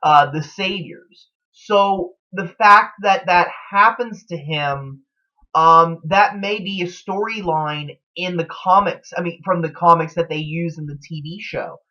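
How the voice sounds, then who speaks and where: The host of a TV show theory vlog offers casual, speculative commentary, hesitant and rambling. His voice is on the high side with a sharp tone and a measured pace, and the recording is dull and lo-fi.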